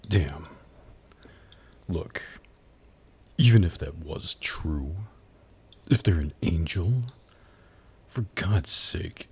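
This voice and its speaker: In an ASMR roleplay audio drama, a man plays a suave, haughty demon buyer, his low, husky, gravelly voice broken by teasing, sardonic pauses. The delivery is warm but exaggerated, with a stern, doubtful mood.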